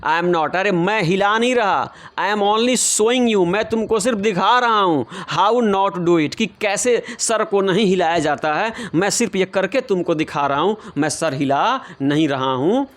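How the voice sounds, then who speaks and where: A bossy little boy scolding his sister, read by a man. The lines come slow and in a high voice, in the manner of a storybook reading. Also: a bit bright.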